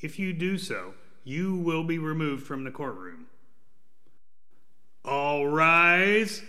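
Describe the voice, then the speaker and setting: A man's voice: fairly high pitch, very animated, slow pace, pushed and bright, in a large hall. A man reading stern, instructive courtroom announcements. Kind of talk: scripted announcements.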